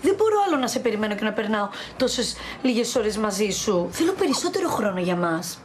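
A woman's voice: mid-range voice, sing-song, slight background noise, lightly acted. An actress playing a mistress pressing her married lover to leave his wife, insistent and wheedling.

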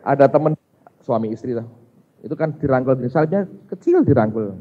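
A man, a pastor, preaching a lively sermon, acting out dialogue and calling the congregation "saudara". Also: mid-range voice, a little fast. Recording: muffled, slightly lo-fi sound.

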